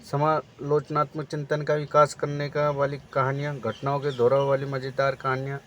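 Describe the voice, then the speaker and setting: A man's voice: mid-range voice, completely flat delivery, moderate pace, fairly bright tone, slight background noise. A man teaching exam preparation, reading out multiple-choice options and then explaining the right answer.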